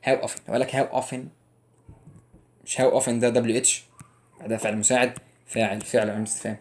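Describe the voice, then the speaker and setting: A man's voice: medium pitch, little pitch movement, fast talker. A young man with an Egyptian Arabic accent teaching an English lesson, joking and teasing his students and drilling each rule over and over. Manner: jokey, teasing, drills rules by repetition. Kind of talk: playful exam-prep lesson.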